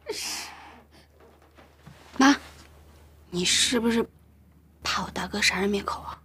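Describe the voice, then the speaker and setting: A woman's voice: medium pitch, unhurried, fairly bright tone, natural voice. An actress playing a timid young village woman who complains in a whiny way. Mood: grumbling.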